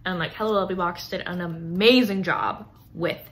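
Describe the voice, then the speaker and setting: A book vlogger in her twenties talks casually and gushingly to camera, leaning into emphasis, from a small room with shelves of books all around. Her voice is on the low side, steady in tone, at a normal speed.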